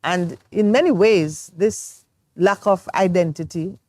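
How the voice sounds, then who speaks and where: A woman's voice: fairly low pitch, takes it slowly, dark tone, dry recording. A woman co-hosting a morning talk show, explaining her views in an earnest, reflective way. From Jamaica. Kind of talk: studio talk show discussion.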